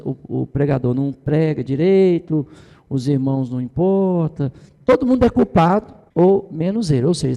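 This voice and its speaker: A middle-aged man gives an informal church teaching in a fairly high, mellow voice with some vocal fry, and long reverb surrounds him. He sounds conversational, using tag questions and imitating the people he quotes.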